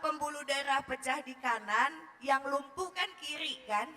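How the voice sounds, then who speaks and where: With a bright voice that sits high and a measured pace, a woman speaks on early-childhood education to parents and teachers at a lively seminar before an audience. Her manner is chatty and jokey, and she often asks the crowd questions.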